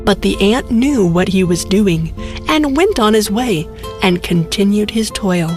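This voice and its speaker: A woman's voice: medium pitch, animated, unhurried, darkish tone, faint music behind. A woman narrating a scripted bedtime story for children.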